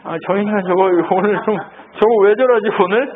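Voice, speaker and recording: A male pastor preaching a lively, conversational sermon and firing questions at his congregation. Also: high-pitched, normal speed, a crowd in the background. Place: church sanctuary. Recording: tinny phone-like church recording with faint noise.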